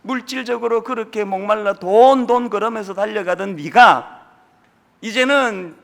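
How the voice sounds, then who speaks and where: A man's voice: high voice, measured pace, creaky. A man in his fifties, a pastor preaching a sermon with chatty, anecdotal storytelling. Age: 50s.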